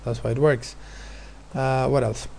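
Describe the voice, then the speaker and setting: A man's voice: mid-range voice, flat delivery, a little slow, vocal fry, darkish tone, slight background noise. A male teacher explaining physics exam questions, hesitant, with many fillers and restarts. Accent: non-American, his remark says so.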